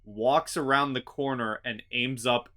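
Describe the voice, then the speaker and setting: A man running a tabletop fantasy game as game master, narrating in a halting way as he thinks aloud. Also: medium pitch, steady tone, pushed and bright.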